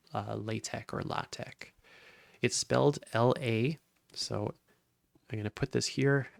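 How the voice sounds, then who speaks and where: Male instructor, low voice with some fry, plain step-by-step explaining. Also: fairly bright tone, no echo. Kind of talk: screen-recorded coding tutorial.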